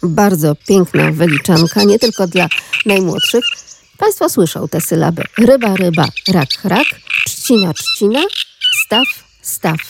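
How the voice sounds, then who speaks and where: A woman's voice: fairly low pitch, gravelly, background noise. A woman hosting a radio nature program, addressing listeners formally and reading out contact details. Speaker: radio host.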